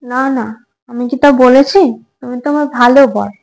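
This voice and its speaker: A woman acting a nervous young wife in a comic home drama who keeps soothing her hot-tempered husband. Her voice sits high, coaxing and apologetic. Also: moderate pace, vocal fry, background noise. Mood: placating. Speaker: short-drama actress.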